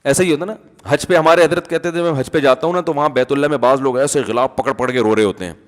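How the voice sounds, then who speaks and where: Man preaching in a reverberant hall. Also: mid-range voice. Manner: conversational preaching with humor and asides. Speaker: religious scholar. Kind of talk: Urdu sermon.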